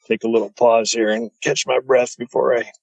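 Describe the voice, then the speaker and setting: A man telling his story as a podcast guest, excited and stumbling over his words as he gets wound up. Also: mid-range voice, fairly quick, gravelly, no echo, rough recording.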